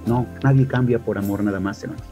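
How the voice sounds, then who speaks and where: A man with a Mexican accent giving a church marriage workshop, speaking in a lively, preachy way and calling the audience brothers. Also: fairly low pitch, fast, over music. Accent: Mexican Spanish. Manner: animated, addresses listeners as brothers, acts out quotes.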